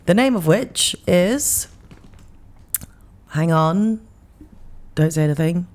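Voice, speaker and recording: A woman's voice: fairly low pitch, expressive, slow pace, darkish tone. A woman co-hosting a podcast, chatting casually with a dry, teasing manner. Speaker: podcast co-host. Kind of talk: casual chat.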